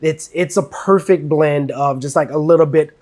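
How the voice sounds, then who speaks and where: A man's voice: on the high side, normal speed, a little mellow. An upbeat man working as a cruise director, chatting casually and enthusiastically in an interview, stressing key words with emphatic repetition. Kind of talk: casual interview, promotional chat.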